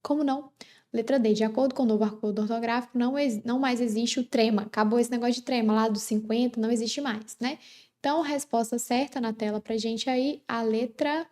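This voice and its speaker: A woman's voice: fairly high pitch, steady tone, brisk, a little mellow. A Brazilian woman teaching an exam-prep grammar lesson in a chatty way, filling her talk with "né" and asking the class questions. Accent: Brazilian Portuguese. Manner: chatty, full of "né" and rhetorical questions.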